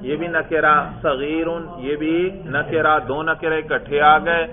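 A man's voice: on the high side, fairly even intonation. A male teacher running a classroom grammar lesson, patiently questioning students and repeating their answers in a sing-song drilling voice. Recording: tinny phone-like recording.

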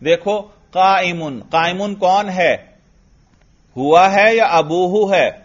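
A man's voice: high voice, highs cut off. A man teaching Arabic grammar in a classroom lesson, asking questions and answering them himself step by step.

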